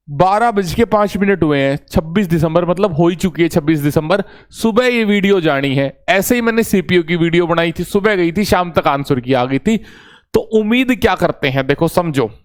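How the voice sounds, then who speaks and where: A young man with a fairly high voice talks to exam aspirants like a coaching teacher. He is familiar and reassuring, often calling them brother. His has a lilt. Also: smooth. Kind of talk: casual exam-update talk to students.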